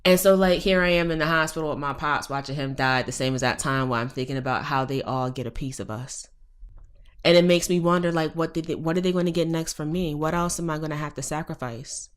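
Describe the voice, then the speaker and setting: A woman's voice: low voice, quick pace, smooth. A woman in her thirties, a professor guest on a podcast, telling a personal story frankly and emphatically, with profanity and pointed rhetorical questions.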